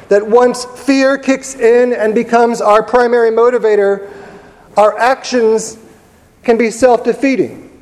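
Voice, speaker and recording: A man preaching a sermon in a church, telling the story in a conversational way with pauses and repeated words. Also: high-pitched, a little mellow. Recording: long reverb of a large church hall.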